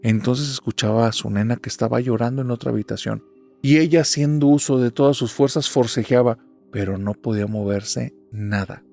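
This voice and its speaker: A man with a gravelly, creaky voice at a middling pitch tells a horror story. His telling is suspenseful and dramatic, with faint music playing underneath. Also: brisk, a little mellow. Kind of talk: spoken horror story narration.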